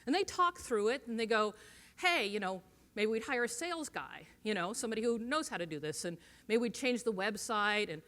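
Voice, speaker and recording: A woman giving a conference talk, telling stories in a lively way and acting out the quoted voices. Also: a little high, a little fast. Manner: animated storyteller, acts out quoted voices. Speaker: conference speaker. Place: conference stage.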